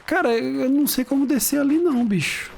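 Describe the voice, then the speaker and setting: A man's voice: very high voice, fairly quick, vocal fry, a little hiss or hum. A man chatting casually while streaming a video game at home, telling stories with slang and frequent laughter. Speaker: gaming streamer. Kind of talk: casual let's-play commentary.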